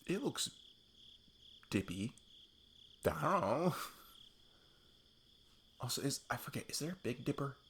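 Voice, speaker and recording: In an improvised ASMR roleplay, a man plays a sweet, goofy best friend out on a date, rambling casually and teasing himself with a playful, sheepish air. His mid-range voice, raised above his natural pitch, is very animated and fairly bright, unhurried with long pauses. There's slight background noise.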